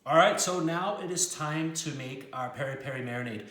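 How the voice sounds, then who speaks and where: A man's voice: on the high side, moderate pace, a bit bright, reverberant. A middle-aged man from South Africa, a chef, explains a cooking recipe step by step in a friendly way with frequent fillers, in a kitchen. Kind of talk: cooking demonstration.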